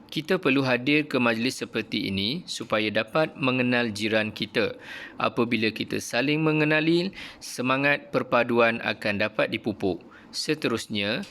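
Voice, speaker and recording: A man reading a mother's lines aloud from a textbook passage, gently explaining things to her children. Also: mid-range voice.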